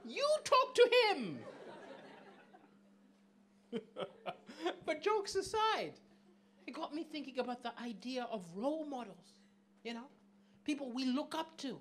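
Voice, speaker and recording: On a small club stage, a middle-aged man from southern Africa does a stand-up set, chatty and animated as he questions audience members through a handheld mic. His voice is very high-pitched and his pace measured, with long pauses and a little background noise.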